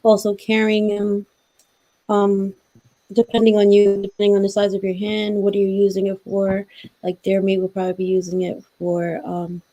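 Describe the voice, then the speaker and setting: A woman's voice: medium pitch, completely flat delivery, normal speed, dark tone. A woman in a casual chat, giving practical, matter-of-fact advice.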